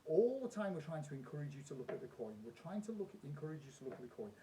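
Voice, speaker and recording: A man's voice: sing-song, racing. A man explaining a magic trick step by step as an instructor, emphatically repeating key points. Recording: roomy echo, faint rumbling noise.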